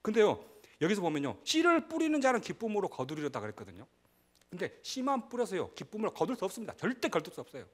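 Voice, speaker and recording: A middle-aged man preaching a sermon as pastor, conversational and animated, breaking into shouts and laughter. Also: high voice, fast talker.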